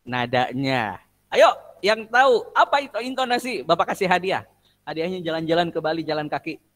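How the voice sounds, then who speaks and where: A man's voice: fairly high pitch, expressive, a little fast, a bit bright. A man teaching an online music class, quizzing students with jokes and singing solfège drills. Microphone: video call.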